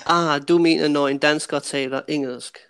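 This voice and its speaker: A man from Denmark hosting a podcast, chatting casually with a guest and explaining things to the listeners in a relaxed way. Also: a little high, clear, resonant tone. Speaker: podcast host. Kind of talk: casual interview chat.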